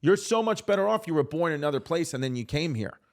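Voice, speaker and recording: A man's voice: on the high side, animated, quick pace. A man hosting a casual podcast, rambling and repeating himself as he talks. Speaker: podcast host. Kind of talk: casual conversation.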